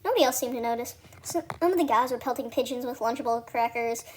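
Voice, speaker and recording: A woman's voice: a little high, fast talker. Woman reading a story aloud, stumbling a bit. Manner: unpolished reading with stumbles and restarts. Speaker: audiobook narrator. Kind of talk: first-person audiobook narration.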